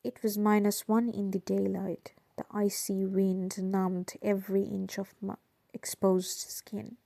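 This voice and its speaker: A woman narrating a novel in the first person, measured and steady. Her voice is dark and gravelly with some fry, and she reads slowly into a close, dry mic. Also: mid-range voice, no room sound. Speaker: audiobook reader.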